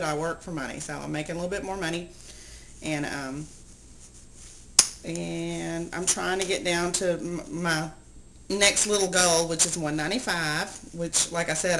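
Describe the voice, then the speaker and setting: Chatty middle-aged woman on a noisy vlog. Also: sits low. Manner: chatty, rambling, animated storytelling with many ums. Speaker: vlogger. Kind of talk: casual vlog chat.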